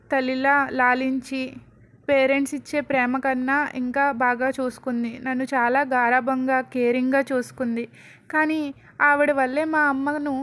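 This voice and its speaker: A woman's voice: high-pitched, a bit bright. A woman voicing a heartbroken young man who questions why his family betrayed him, in a storybook retelling. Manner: pleading, questioning.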